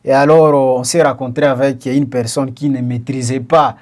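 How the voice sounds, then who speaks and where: Man from Congo, co-host, halting and explanatory, plenty of fillers. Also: mid-range voice, steady tone, darkish tone. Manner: hesitant, many fillers and restarts; explains with examples, asks questions. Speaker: podcast co-host. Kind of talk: casual discussion.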